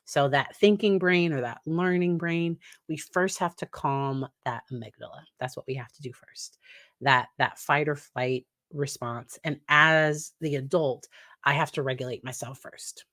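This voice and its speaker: In a dry, studio-quality recording, a deep-voiced licensed psychologist from the United States speaks to camera in an unhurried, conversational way. She hosts a casual educational talk, laughing warmly and switching to a higher voice for quoted dialogue.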